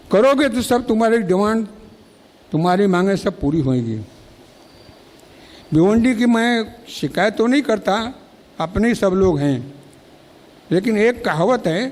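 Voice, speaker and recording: Man, high voice, speech at a ceremony, storytelling anecdotes, long auditorium reverb. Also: darkish tone. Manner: storytelling, acting out quoted exchanges. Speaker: speaker at a felicitation ceremony. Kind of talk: public speech telling anecdotes. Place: college auditorium.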